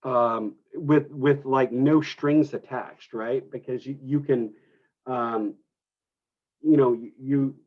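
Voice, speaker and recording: A male instructor addresses a class in a classroom, stumbling and restarting often as he thinks aloud. His voice sits at an ordinary pitch, and the recording sounds a little muffled. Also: fairly even intonation, slow. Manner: rambling, with many restarts and fillers. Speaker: culinary instructor. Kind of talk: classroom lecture.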